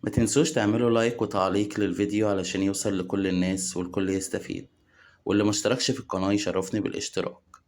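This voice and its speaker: A man with an Egyptian Arabic accent teaching English vocabulary, saying each word slowly and repeating it before giving its meaning. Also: lowish voice, little pitch movement. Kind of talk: slow, drawn-out lesson with word drills.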